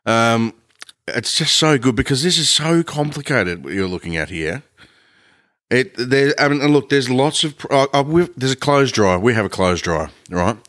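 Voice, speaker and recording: A man's voice: medium pitch, expressive, normal speed, a bit bright. A man co-hosting a podcast, rambling casually with swearing and laughter while eating. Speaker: podcast co-host. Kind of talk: casual banter with a co-host.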